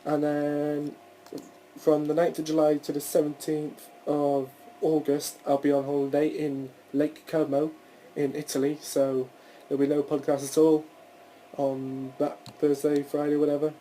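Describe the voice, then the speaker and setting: Rambling young man with a mellow voice. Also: on the high side, monotone, measured pace, slight background noise, poor audio. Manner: rambling, swears, restarts often. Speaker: podcast host. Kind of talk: casual solo podcast chat.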